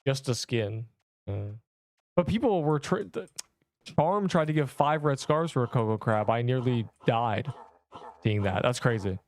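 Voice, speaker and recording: A young man streaming a game, chatting along in a casual, excitable way with gamer slang. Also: mid-range voice, a little slow, no room sound. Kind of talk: casual livestream commentary.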